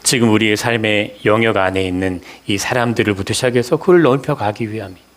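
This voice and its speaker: A man's voice: on the low side, fast. A man preaching a Sunday sermon as pastor, asking the congregation questions, answering them himself and repeating key words for emphasis.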